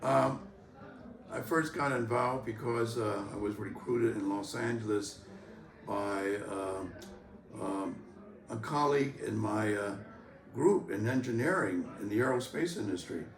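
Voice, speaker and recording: An older man from San Francisco speaking in an interview, measured and halting with many pauses and fillers. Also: on the low side. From San Francisco, USA. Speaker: interviewee, longtime organization member. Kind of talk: recorded interview. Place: convention venue, crowd behind. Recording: roomy, from a distance.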